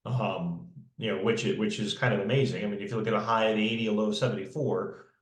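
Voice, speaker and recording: Lowish male voice, slow explainer type, lots of um and you know, roomy echo. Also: fairly even intonation. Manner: measured, filler-heavy explaining. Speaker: podcast co-host. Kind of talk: casual market analysis.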